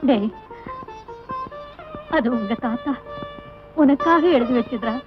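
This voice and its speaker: A woman's voice: fairly high pitch, slow pace, over music. An actress playing an anxious middle-aged mother who scolds her son in old film dialogue. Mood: scolding. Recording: dull old film soundtrack.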